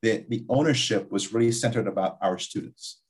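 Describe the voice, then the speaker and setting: A man's voice: fairly low pitch, a little fast, slightly rough. A man from Guyana, a community college vice president, talking reflectively in an interview with frequent restarts. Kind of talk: interview conversation.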